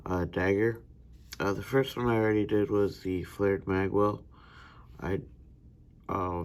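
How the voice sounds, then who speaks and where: An American man, a gunsmithing student, giving an unhurried instructional demonstration with frequent hesitations. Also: on the low side.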